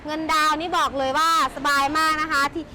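A woman with a strikingly high voice hosts a chatty sales walkaround, gushing with enthusiasm over what is on offer. The recording is noisy and handheld, with vehicle sounds behind her. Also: little pitch movement, brisk, sharp tone. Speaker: motorbike shop sales host and presenter.

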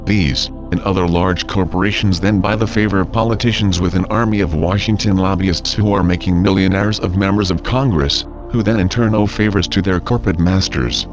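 A man reads a scripted political message as narrator, in a solemn, measured way. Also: sits low. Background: music.

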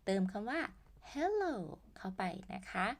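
A woman with a Thai accent teaching English to young children, patiently spelling out words and sounding out each phrase. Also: big pitch swings. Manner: very slow, patient, spells words out and sings greetings high. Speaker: primary school English teacher. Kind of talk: slow, drawn-out worksheet lesson for young children.

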